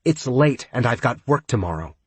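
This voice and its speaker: A man's voice: mid-range voice, very animated, moderate pace, slightly rough, no room sound, pitched above the performer's own voice. Man voicing an annoyed young woman. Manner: terse, frustrated, snappish.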